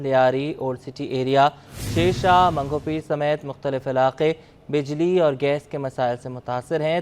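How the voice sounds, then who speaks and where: A man reading a news bulletin as anchor, with brisk formal delivery. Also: medium pitch, a little hiss or hum.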